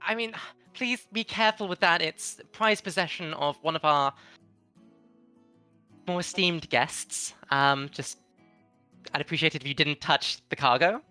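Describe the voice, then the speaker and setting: A woman's voice: sits low, measured pace, bright, forceful tone, soft background music, pitched above the performer's own voice. A woman voicing a prim, flustered young female ship attendant who talks politely and stammers. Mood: fussy.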